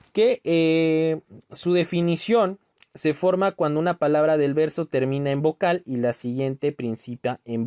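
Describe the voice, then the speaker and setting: A man from Mexico teaching an online exam-prep lesson, explaining step by step, spelling out syllables slowly and checking in with "¿ok?". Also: a little high, a little mellow.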